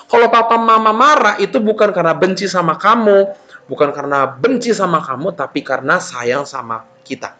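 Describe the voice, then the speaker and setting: A man's voice: sits high, fairly quick. A man teaching Sunday school, telling a Bible story to children and speaking to them directly. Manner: animated, addressing children directly.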